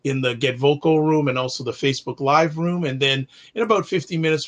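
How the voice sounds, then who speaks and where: Male talk show host from Canada, slightly high voice, formal intro then loose live chat. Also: a bit bright.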